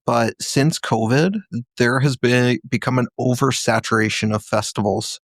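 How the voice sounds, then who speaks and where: A man makes easy conversation in a medium-pitched voice. He rambles in a casual, everyday way. The sound is dry, free of any room echo. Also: steady tone, moderate pace. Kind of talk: casual chat.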